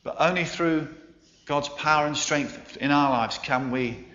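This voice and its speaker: A man preaching a sermon, telling a story with emphatic pauses and soft endings. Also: fairly high pitch. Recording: roomy, slightly dull sound.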